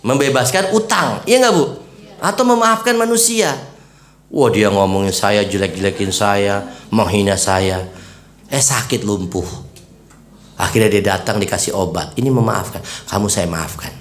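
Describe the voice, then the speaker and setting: A man's voice: normal speed, a little hiss or hum. A man preaching casually to a women's study group, acting out little everyday scenes. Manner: lively, swings pitch high to stress points, acts out little scenes. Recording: echoey room.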